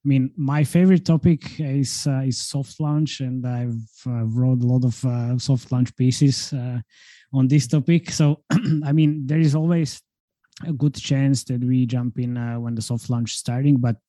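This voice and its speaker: A man from Slovakia, a guest marketing consultant, talking casually over a video call from a room at home, relaxed and chatty with frequent fillers and laughs. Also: mid-range voice, a little slow, dry recording. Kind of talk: casual interview talk.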